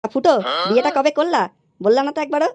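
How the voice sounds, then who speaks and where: A woman's voice: high voice, fast, darkish tone, no room sound, close to an everyday voice. A woman voicing a nosy, teasing male neighbour in a comedy cartoon.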